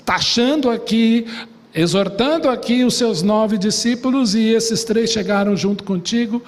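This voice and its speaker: A man preaching a sermon with a Brazilian Portuguese accent, dramatically retelling a scene and dropping into soft low tones for a desperate father. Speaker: pastor. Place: church sanctuary. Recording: long reverb of a church hall.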